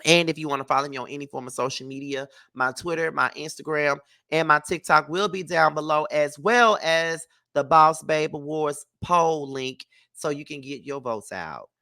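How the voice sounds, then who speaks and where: Speaking at normal speed with few pauses, a congested gossip vlogger uses a fairly high, pushed and bright voice. He hosts casual reality TV commentary full of opinion, sass, bluntness and emphatic cursing, his cold clearly audible.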